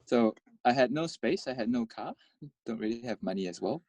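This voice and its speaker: A man who grew up in Malaysia, a guest in a casual interview, talking haltingly and repeating words. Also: mid-range voice, lively intonation, a little mellow, no echo.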